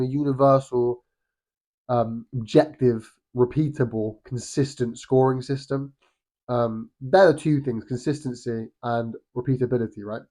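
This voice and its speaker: A young British man with a mid-range, slightly mellow voice has a cold that makes him sound a little nasal. He's a boxing vlogger giving a casual, rambling opinion video, full of restarts and ums.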